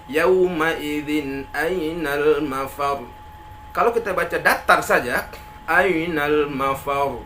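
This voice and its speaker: A man teaches Quran recitation in a bright, ringing voice pitched a little high. He explains each rule, then chants the example verses slowly and lifts the stress where the rule asks for it. A faint hiss of noise sits under the recording.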